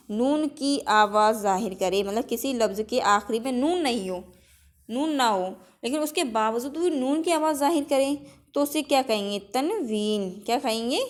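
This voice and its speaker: A woman with a slightly high voice teaches an exam-prep lesson. She states each rule, repeats it, then quizzes it back before running through lists of example words. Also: expressive, measured pace. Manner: drills with example words in a list.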